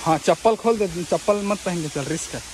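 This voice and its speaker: High-voiced young vlogger. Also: male voice, quick pace. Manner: chatty, joking, teasing friends. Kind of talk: casual travel vlog narration and banter with friends. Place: outdoors in a forest by a waterfall. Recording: loud outdoor noise by a waterfall.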